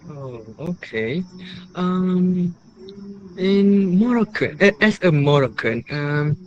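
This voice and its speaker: A man, leading a formal class interview in a hesitant way, pausing often on ums. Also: sits high, expressive, highs cut off. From Malaysia. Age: 20s. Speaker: student interviewer.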